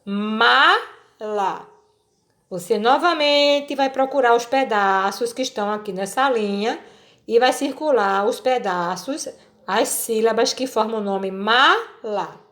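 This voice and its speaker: A woman teacher with a Brazilian Portuguese accent, patiently explaining a children's worksheet and sounding out syllables slowly. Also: on the high side, fairly bright tone.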